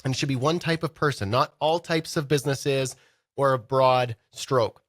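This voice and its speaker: A podcast co-host with a head cold sounds congested as he explains ideas playfully and casually in a recording studio. His voice is medium-pitched and moderately paced, and there's no room sound.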